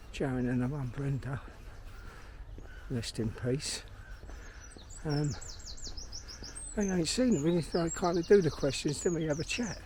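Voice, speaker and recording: Walking in a park amid birdsong and outdoor ambience, a middle-aged London man who vlogs and makes films rambles to himself in a casual, blunt, swearing monologue. His voice is a little high and a little mellow.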